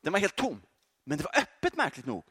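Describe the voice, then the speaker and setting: A male preacher giving a lively sermon, joking and speaking directly to the congregation. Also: fairly high pitch, slightly rough. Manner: animated, joking, addresses audience directly.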